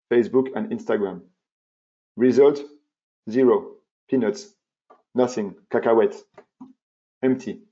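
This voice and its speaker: Speaking in a dark-toned, mid-range voice, this man pitches a marketing webinar with lots of emphasis, repetition, fillers and false starts. French is his first language, and the audio comes across dull and muffled.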